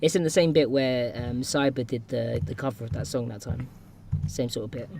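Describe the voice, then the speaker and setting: A man's voice: medium pitch, steady tone, fairly quick, vocal fry, background noise. Rambling man co-hosting a podcast. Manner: rambling, filler-heavy, enthusiastic. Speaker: podcast co-host. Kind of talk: casual chat about music videos.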